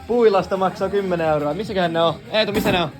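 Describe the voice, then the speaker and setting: A young man casually narrating a garage vlog, joking and swearing as he works. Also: high-pitched. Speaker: vlogger. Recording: music playing loudly in the garage. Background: loud music playing.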